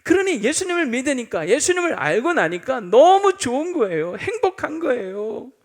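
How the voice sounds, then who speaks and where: A male pastor delivers a Sunday sermon with earnest directness. His voice sits high and swings widely as he speaks to the congregation. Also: big pitch swings, normal speed. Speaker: senior pastor.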